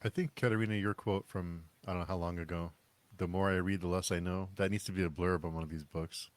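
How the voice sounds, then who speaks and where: A man with a very deep voice hosts a casual book podcast. He thinks out loud in long, rambling questions and trails off with fillers. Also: fairly even intonation, fast talker. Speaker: podcast host.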